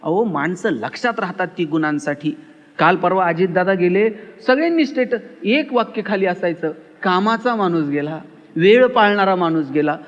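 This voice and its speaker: Male motivational speaker, emphatic storyteller, high-pitched, heard through long hall reverb. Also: lively intonation, normal speed, dull audio. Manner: emphatic, storytelling, acts out dialogue. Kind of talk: public lecture with acted anecdotes.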